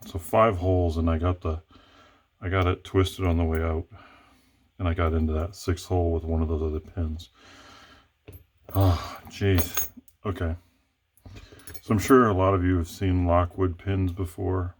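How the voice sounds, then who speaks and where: A man with a very low voice talks himself through picking a lock. He thinks aloud in a hesitant way, starting phrases over and correcting himself mid-sentence. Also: little pitch movement, measured pace, pauses often. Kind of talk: thinking aloud while working.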